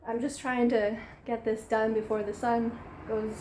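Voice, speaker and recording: A young woman with a slightly high voice talks in a chatty, excitable way. She sounds a little out of breath and fills her pauses with ums as she runs through a casual show-and-tell. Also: slight background noise. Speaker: crochet vlogger. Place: home room lit by daylight.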